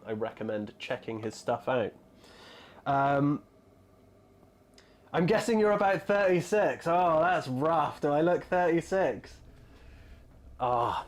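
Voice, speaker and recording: A man in his thirties chatting casually on a live stream, rambling with lots of fillers and answering viewers' messages. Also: a little high. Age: 30s. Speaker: hobby streamer.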